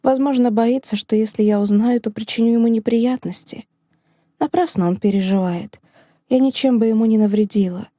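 A woman reading an audiobook, voicing a heartbroken woman teacher who speaks in a hushed, trembling but firm manner. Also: fairly high pitch, moderate pace, no room sound, clean studio sound, close to an everyday voice. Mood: sorrowful, resolute.

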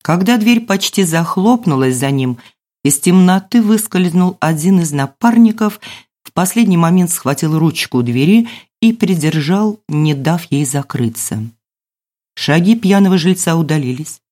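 A woman narrating a novel as an audiobook in a measured storytelling manner. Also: fairly low pitch, animated, dark tone. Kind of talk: scripted narration.

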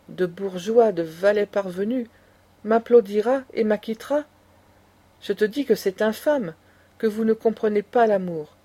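A woman's voice: medium pitch, mellow, natural voice. A woman voicing an indignant aristocratic old grandmother who lectures with passion. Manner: impassioned, lecturing.

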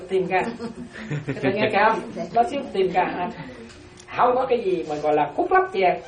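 A Buddhist nun giving a dharma talk, repeating key phrases and often asking whether her listeners follow. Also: medium pitch. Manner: keeps checking listeners follow with repeated questions. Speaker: Buddhist nun teaching a class. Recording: roomy, distant mic.

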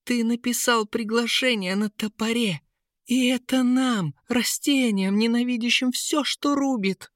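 A male narrator voicing an indignant female plant goddess, reproachful and piercingly high. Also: a little slow, no echo, clean studio sound, lightly acted. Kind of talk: audiobook character voice.

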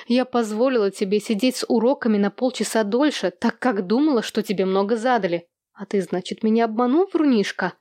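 A woman voicing a weary, sharp-tongued mother of a large family, in an audiobook. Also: on the high side, a little fast, dry recording, clean studio sound, lightly acted. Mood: scolding. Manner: scolding, grumbling.

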